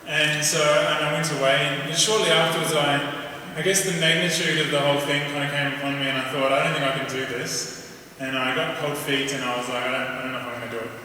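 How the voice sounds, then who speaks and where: A man with a broad New Zealand accent tells his personal story to a gathering. His voice is bright and forceful, and he speaks informally and a little haltingly. He is heard at a distance from the mic in a long, reverberant hall. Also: on the high side, little pitch movement. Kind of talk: personal testimony talk to a gathering. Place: large reverberant indoor venue. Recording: echoey hall, distant mic, faint noise.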